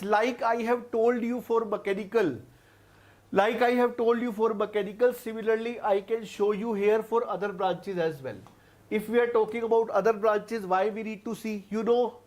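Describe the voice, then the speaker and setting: His high voice is a little mellow as this young man, speaking with an Indian English accent, teaches exam prep online. Breaking explanations into steps and repeating himself frequently, he talks to his students as "guys."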